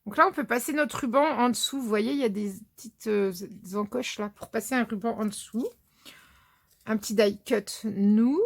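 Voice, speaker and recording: A woman's voice: on the high side, normal speed, gravelly. A woman from France chatting casually through a scrapbooking haul, narrating items with many fillers as she thinks aloud. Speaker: scrapbooking vlogger.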